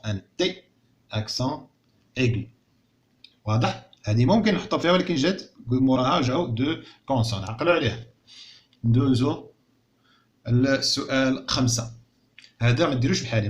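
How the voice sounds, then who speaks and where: A male schoolteacher with a Moroccan Arabic accent gives a recorded lesson. He stretches words out slowly and says them again for young pupils, then explains in Arabic. The audio is a little dull and lo-fi. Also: medium pitch. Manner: slow, drawn-out word repetition. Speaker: primary school teacher.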